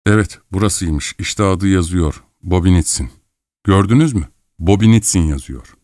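Audiobook: a man playing a fussy, pleading older gentleman, low and slow. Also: no room sound, studio quality, natural voice. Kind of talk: audiobook reading.

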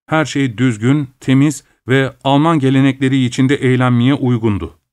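Dry, measured male storyteller. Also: medium pitch, fairly even intonation, darkish tone, no echo. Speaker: narrator. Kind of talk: scripted narration.

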